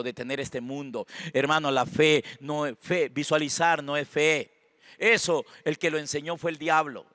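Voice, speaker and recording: A man with a Costa Rican accent preaching from the pulpit. His voice is bright and somewhat high, recorded dry and close. He drops to near hushed prayer and then climbs to loud, fervent exhortation. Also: no echo. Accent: Costa Rican Spanish. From Costa Rica. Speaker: pastor. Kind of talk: sermon. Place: church sanctuary.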